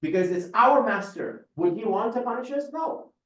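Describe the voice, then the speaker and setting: A man's voice: high voice, lively intonation, moderate pace. A man giving a religious lecture, explaining words one by one and checking in with his audience. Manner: explains word by word, checks in with "right?". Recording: echoey room from a distance.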